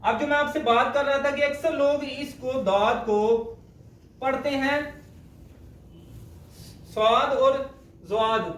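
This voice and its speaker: Guy teaching quran letter sounds, really high voice, echoey room, kinda far from the mic. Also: fairly bright tone. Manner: slow and deliberate, repeats sounds to demonstrate. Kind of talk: spoken lesson on letter pronunciation.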